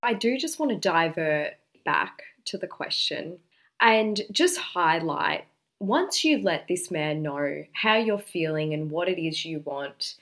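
Female dating advice host, slightly low voice. Confident, direct, emphatic counselling delivery. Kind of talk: relationship advice talk.

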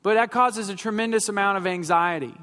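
A man's voice: sits high, a little fast, sharp tone. Humorous man in his thirties preaching. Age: 30s. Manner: humorous storytelling, building to emphatic points. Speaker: pastor. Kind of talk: sermon. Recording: long hall reverb with faint music.

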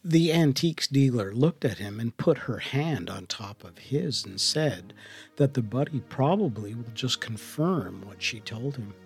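A man narrating a story in a soft, hushed voice that often drops to a whisper, with faint music behind him. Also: mid-range voice, expressive. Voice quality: slow, hushed, breathy whisper at times.

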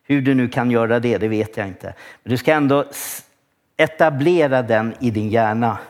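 A male pastor giving a church sermon, telling stories with lots of restarts and bursts of excitement. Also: mid-range voice. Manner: lively storytelling with frequent restarts and rising excitement.

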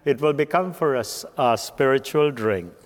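Solemn priest praying in echoing church reverb. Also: male voice, mid-range voice, lively intonation. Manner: solemn, measured phrasing. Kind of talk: liturgical prayer recitation. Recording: long cathedral-like reverb.

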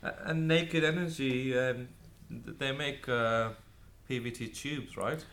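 A man's voice: medium pitch, slow, vocal fry, fairly bright tone. A man hosts an interview and asks conversational questions that wander a little before getting to the point. He is recorded in an office. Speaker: interview host. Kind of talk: interview hosting. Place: office in London.

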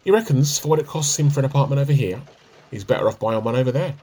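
An amateur actor voices an easygoing, evasive husband who can't keep a secret, in a conversational domestic radio play full of relaxed banter. His voice is mid-range, quick, dark and slightly breathy, and the acting is light.

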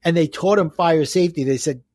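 Man, Brooklyn accent, slightly high husky voice, life coach, conversational, question-and-answer explaining, dry close recording. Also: brisk, darkish tone, dry recording. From Brooklyn, New York. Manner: explains step by step with rhetorical questions and acted-out quotes. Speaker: life coach, interview guest.

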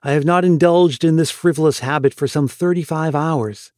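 A man's voice: on the high side, darkish tone, no room sound, studio quality, close to an everyday voice. Man reading as an ashamed, broken son. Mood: anguished. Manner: halting, anguished, thick-voiced. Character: ashamed grown son, a broken young thief.

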